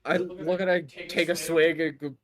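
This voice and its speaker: A man's voice: on the high side, level tone, moderate pace. A man talking casually as a player in a tabletop game, improvising his character's actions. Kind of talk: casual improvised role-play chat.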